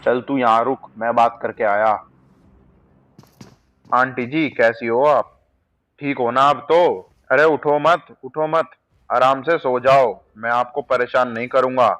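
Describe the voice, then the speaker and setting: A loyal young friend voiced by a man talks in a gentle, reassuring way at an ordinary pitch. The voice is plain and everyday. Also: steady tone, measured pace, lightly acted. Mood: soothing.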